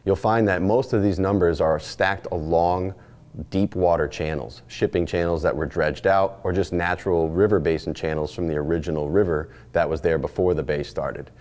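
A man's voice: deep voice, steady tone, normal speed, darkish tone. A man in his forties, a charter captain, giving a plainspoken instructional talk in short stacked phrases, recorded on a lapel mic in an indoor studio. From Northeastern United States. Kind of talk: instructional presentation. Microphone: lapel mic, framed mid-shot.

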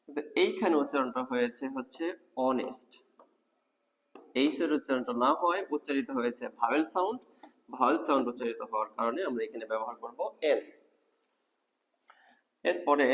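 A man's voice: medium pitch, lo-fi sound. A man teaching English grammar in a video lecture, explaining step by step and asking the class rhetorical questions. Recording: long reverb of a hall.

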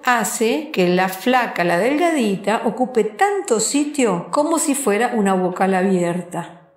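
A woman's voice: medium pitch, a little mellow. A woman teacher narrating a lesson in a playful, storytelling way, asking rhetorical questions along the way. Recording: roomy echo, faint background music.

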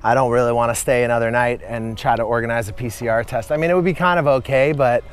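A man's voice: medium pitch, fairly even intonation, fast, smooth. A man talking casually to camera as a travel vlogger while walking around a hilltop fortress, thinking aloud with fillers. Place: outdoors at a hilltop fortress in a city.

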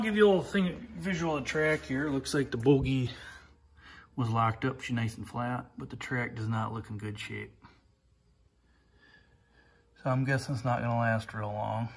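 A mid-range male voice leads a casual, rambling walkaround of an old snowmobile. The speaker is a plain-spoken hobbyist restoring it in his garage workshop, filming on a handheld phone and frequently saying "like I say."

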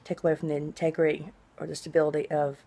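A middle-aged woman chatting casually in a personal video diary, rambling conversationally, with drawn-out, hissing s sounds. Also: low voice, flat delivery, warm tone, breathy edge. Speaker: vlogger. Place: small indoor room at home.

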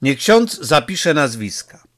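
A man doing a gruff, barking village mayor. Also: on the high side, very animated, slow, a bit bright, heavily acted. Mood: brusque. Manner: barking, impatient. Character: gruff blustering middle-aged male village mayor.

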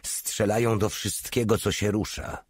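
Brief: cool sardonic officer, read by a male narrator, unhurried and dry, close dry mic. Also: lowish voice, husky, no echo, pitched above the performer's own voice. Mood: cool, mocking. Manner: dry, mocking calm. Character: cool indifferent male army captain.

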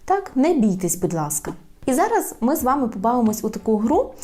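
A woman teaching a language in a video lesson, repeating words slowly and carefully. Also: a little high, very animated, a little mellow. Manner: slow, careful repetition of words.

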